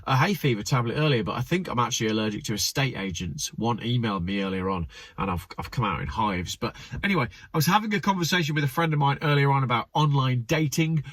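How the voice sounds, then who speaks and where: A man hosting his channel reads memes aloud in casual commentary, adding wry, sarcastic asides. His voice is fairly high, fairly bright and slightly stuffy and nasal, with no echo.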